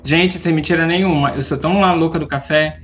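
A woman's voice: low-pitched, steady tone, fairly quick, muffled recording, soft background music. A woman chatting casually with friends, reading out quiz questions in a playful, teasing way. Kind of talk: casual chat.

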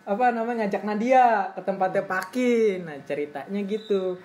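A woman's voice: mid-range voice, expressive, normal speed, darkish tone. A young woman with a Jakarta accent telling an anecdote in casual, slangy Jakarta speech, teasing as she goes. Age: young adult. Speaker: storyteller leading a group chat. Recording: roomy echo, faint background noise.

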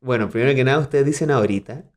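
A man with a Chilean accent, a musician guest on a podcast, speaking in a thoughtful, measured way with dry humor. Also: mid-range voice, a little mellow, slight background noise. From southern Chile. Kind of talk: casual interview.

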